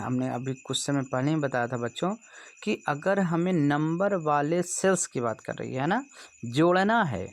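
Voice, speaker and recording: With a slightly high voice and some vocal fry, this Bihari-accented Indian computer teacher walks students through exam preparation. His style is explanatory and instructive, with repeated checks on whether everyone understands.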